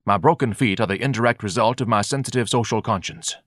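A man's voice: fairly low pitch, fast talker, a bit bright, dry recording, clean studio sound. A man voicing a pompous, fussy male hot-dog vendor who speaks in a lofty, disdainful way. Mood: theatrical self-pity.

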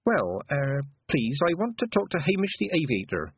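A quick-witted young farm girl, raised higher and often flustered, as a man puts her on for a storybook. Her pitch jumps around a lot, and the sound is tinny and phone-like. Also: huge pitch swings, husky, no room sound, heavily acted.

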